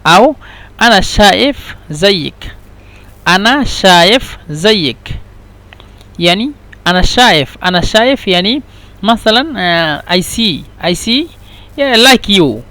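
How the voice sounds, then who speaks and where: A man teaches a language lesson in a high voice. He explains patiently and repeats each phrase several times, moving between Arabic and English as he goes. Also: lively intonation, bright, forceful tone. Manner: slow, repetitive explanations mixing Arabic and English.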